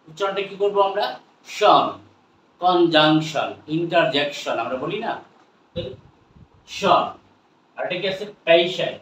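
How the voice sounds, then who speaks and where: A man's voice: on the high side, a bit bright, dull audio. A man with a Bangladeshi accent teaching English pronunciation, repeating words many times and asking his viewers questions. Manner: slow, repetitive drilling with frequent questions to viewers. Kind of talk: pronunciation lesson. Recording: roomy sound from a distant mic with faint noise.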